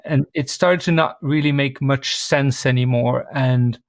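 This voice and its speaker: A man, likely in his forties, speaking as a podcast guest on a video call, with a thoughtful, measured manner and light self-deprecating humor. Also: mid-range voice, steady tone, no echo, studio quality. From Switzerland. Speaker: guest, organizational consultant. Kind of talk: reflective interview talk.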